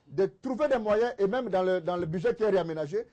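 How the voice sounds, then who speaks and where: This Congolese-accented panelist pushes his case hard in a televised political debate, circling back to the same phrases for emphasis. He talks fast in a high, expressive, warm voice, though the recording's highs are cut off.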